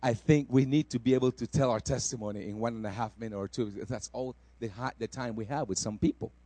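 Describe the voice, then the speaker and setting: A man from El Salvador preaching a sermon, rising to loud exclamations and dropping soft for personal testimony. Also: mid-range voice, fairly even intonation, fast talker, no echo.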